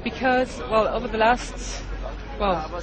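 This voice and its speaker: A man from Norway, answering in a hesitant, halting way during a street interview. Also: high voice, low-quality recording. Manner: hesitant, halting, searching for words. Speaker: campaigner being interviewed. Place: outdoors in a busy city street. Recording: street recording with crowd noise.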